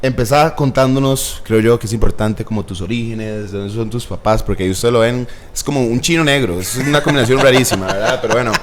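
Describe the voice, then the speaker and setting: Jokey Central American podcast host. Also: male voice, mid-range voice, quick pace, hardly any pauses, slight background noise. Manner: jokey, laughs often. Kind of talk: casual interview chat.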